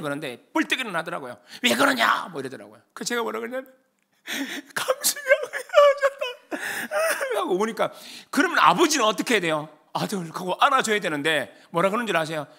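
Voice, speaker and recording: An older male pastor, preaching a sermon in a storytelling way, acting out voices and swinging from hushed asides to loud outbursts. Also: sits high.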